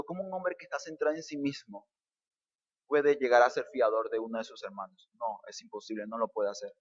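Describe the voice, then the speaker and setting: A man's voice: a little high, fairly bright tone, big-room sound, lo-fi sound. A male pastor preaching a fervent sermon, asking rhetorical questions and calling his listeners brother. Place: church.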